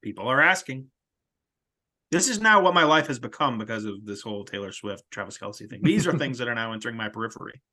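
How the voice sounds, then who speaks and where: A man's voice: mid-range voice, animated, fast talker, sharp tone. A young man co-hosting a sports podcast, talking casually and joking, often trailing off into fillers. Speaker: podcast co-host.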